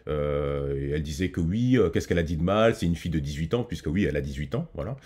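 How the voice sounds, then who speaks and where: Deep-voiced man hosting a reaction video. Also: lively intonation, fast talker, darkish tone. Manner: hesitant, many fillers and restarts; addresses viewers directly. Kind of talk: casual reaction commentary.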